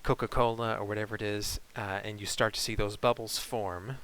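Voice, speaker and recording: A man teaching chemistry in a recorded online lecture, explaining in a relaxed way with frequent fillers. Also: on the low side, a little fast, rough recording.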